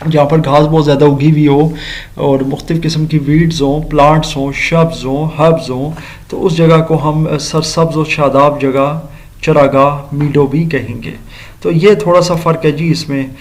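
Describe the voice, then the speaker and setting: A man gives a classroom English grammar lecture. His voice sits a little high. He explains patiently, repeats points and drops English phrases into his explanation. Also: steady tone, darkish tone. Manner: explains slowly, repeating and checking understanding; mixes English words and sentences into Urdu explanation.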